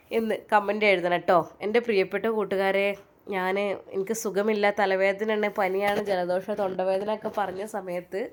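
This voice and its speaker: A young woman, narrating an Islamic story and chatting warmly with her listeners. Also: mid-range voice. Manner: warm, chatty, prayerful asides.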